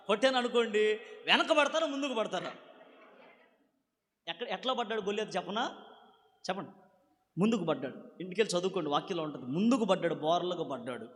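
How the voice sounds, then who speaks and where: A male preacher giving an animated sermon, urging the congregation to call answers back loudly. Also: high voice. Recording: long hall reverb.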